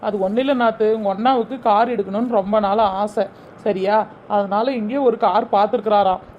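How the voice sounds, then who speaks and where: A woman's voice: mid-range voice, fairly even intonation, fairly quick, dull audio, a little hiss or hum, natural voice. A woman playing a clever young daughter-in-law who is sweet to the family and sarcastic in asides. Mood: explaining.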